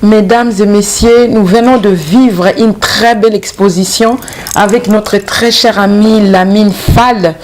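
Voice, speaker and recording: A woman's voice: mid-range voice, fairly even intonation, measured pace, darkish tone, a little hiss or hum. A woman from Congo, interviewing a collector at an exhibition, formal when addressing the audience and brief in her replies. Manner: attentive, short affirmations, formal announcements.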